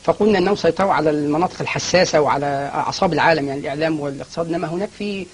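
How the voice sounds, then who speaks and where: A man's voice: on the high side, rapid-fire, slight background noise. A man as a guest scholar in a studio TV interview, explaining at length with frequent restarts and fillers.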